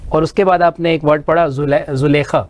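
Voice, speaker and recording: A man's voice: on the high side, fairly even intonation. A man judging a children's recitation contest on a studio show, patiently correcting their pronunciation.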